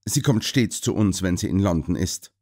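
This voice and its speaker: A man's voice: deep voice, normal speed, darkish tone, pitched below the performer's own voice. A man doing a hesitant polite hotel clerk. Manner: hesitant with fillers.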